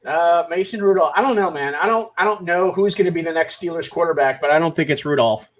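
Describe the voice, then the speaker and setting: A man's voice: on the high side, fast. A man hosting a live football show, chatty, with many fillers, laughing easily. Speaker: show host. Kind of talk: casual sports chat.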